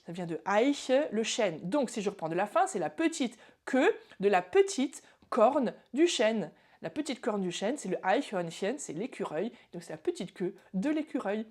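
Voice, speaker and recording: A woman teaching a video lesson, explaining pronunciation in a lively way, speaking straight to the viewer and slowing down to model example words. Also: medium pitch. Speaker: German language teacher.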